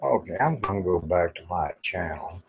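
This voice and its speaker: A man in his 50s hosts a casual, rambling livestream, speaking at normal speed in a deep, slightly rough voice with animated delivery. He's folksy, muttering to himself while he browses, and the audio is dull and lo-fi.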